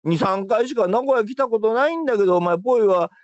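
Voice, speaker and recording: A man hurling repeated gruff insults and taunts in a heated casual argument on a stream. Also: sits high, fast, no room sound. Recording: dry, dull lo-fi stream audio.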